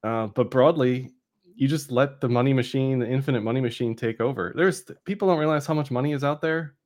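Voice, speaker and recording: A man co-hosting a podcast gives casual market commentary as an analyst, explaining things informally and checking in with a frequent "right?". His medium-pitched voice is brisk and somewhat dark.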